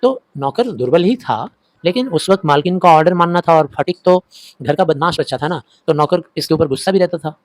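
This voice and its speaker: A middle-aged male teacher walks students through a story, pausing to unpack the meaning of words. His voice sits slightly high, and the recording is dry and close, with no echo. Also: animated. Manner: explains slowly, glossing words and mixing languages. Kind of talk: story explanation lesson.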